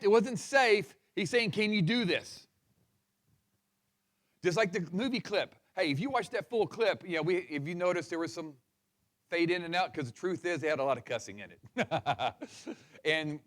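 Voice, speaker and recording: A male pastor preaching a sermon with fired-up, passionate delivery. He calls on the congregation to repeat words after him, and his voice sits high for a man. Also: fairly bright tone. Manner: passionate, fired-up preaching with crowd call-and-response.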